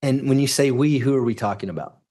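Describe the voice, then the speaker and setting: A man's voice: mid-range voice, fast talker, dark tone. Man lawyer in courtroom questioning. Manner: formal, step-by-step questions.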